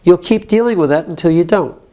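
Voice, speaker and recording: A man with a rather high voice leads a support group in a coaching tone. He is directive and keeps checking that his listener follows. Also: a little fast, dark tone. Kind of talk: therapeutic coaching.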